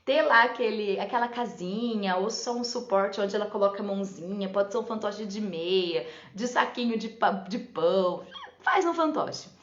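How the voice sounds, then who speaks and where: A chatty woman teacher talks through teaching ideas in a relaxed live session, often tagging her sentences with little check-ins. Her voice sits at an ordinary middle pitch. The room sounds echoey and the audio is slightly dull, like a lo-fi stream. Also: normal speed. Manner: chatty, often adds "né?" and laughs.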